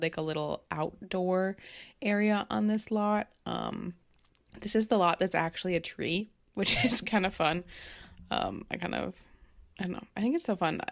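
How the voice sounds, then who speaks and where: A woman's voice: on the low side, normal speed, vocal fry. A young woman, rambling casually and with self-deprecating humor in a voice-over about her game build. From American Midwest. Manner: rambling, chatty, self-deprecating, lots of fillers. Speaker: game content creator.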